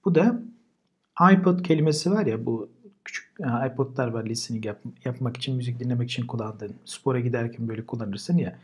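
A man's voice: mid-range voice, a little fast, slightly rough. A man teaching English vocabulary in a casual lesson. He says each word twice and then explains it. Turkish is his first language.

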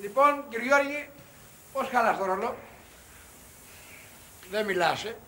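A brash repairman boss who snaps and barks at his helper in a 1980s film comedy. His voice sits very high and sounds piercingly bright, loud and bossy. He calls people names and orders them about. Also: animated, full character voice. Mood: bossy scolding. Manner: brash, barking orders and name-calling. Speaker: tradesman fixing a roller shutter.

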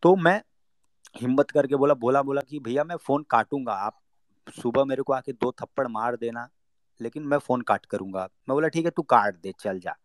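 A young man telling a personal story in a casual talk. He acts out the lines of the people in it and drops to a low murmur for his own thoughts. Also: normal speed, no echo.

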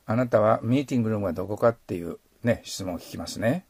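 A middle-aged man teaching English pronunciation, modeling sounds and slowly repeating phrases. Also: lowish voice, darkish tone, husky, no echo. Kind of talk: explaining pronunciation in a lesson.

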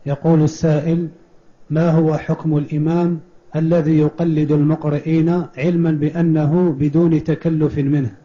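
A man's voice: fairly high pitch, flat delivery, normal speed, dark tone. A man in a mosque reading the submitted questions aloud to a scholar in a plain, formulaic way. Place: large mosque. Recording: dull lo-fi mosque recording.

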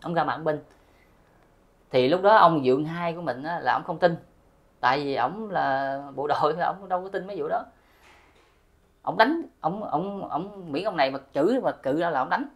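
A man's voice: a little high, animated, moderate pace. A middle-aged man, telling a spiritual story to his viewers in a repetitive style and addressing them directly. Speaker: host of a spiritual channel.

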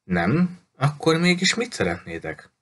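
A man's voice: on the low side, animated, a bit bright. A man voicing a cheerful, talkative little lady who runs a bookshop, gushing and cutting others off.

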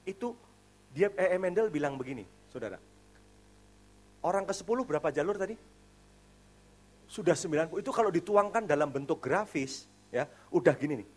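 A man preaching to a congregation in a fairly high voice. He talks casually and with energy, building to loud emphatic points and then dropping to quiet asides. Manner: animated, swings between loud emphasis and quiet asides, colloquial. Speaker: pastor. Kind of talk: sermon. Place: church service.

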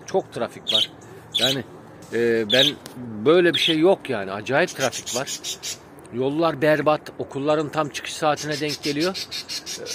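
A man's voice: mid-range voice, background noise. A man vlogging about his pigeons, venting in a rambling, frustrated way with many fillers. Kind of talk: casual vlog talk to viewers. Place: outdoors by a pigeon coop. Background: pigeons cooing and birds chirping.

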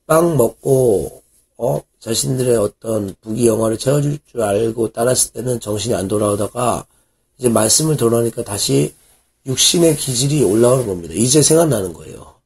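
A man, a pastor, giving a Bible English reading lesson, reading verses slowly and asking and answering his own questions. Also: mid-range voice, darkish tone, husky. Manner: asks questions and answers them himself.

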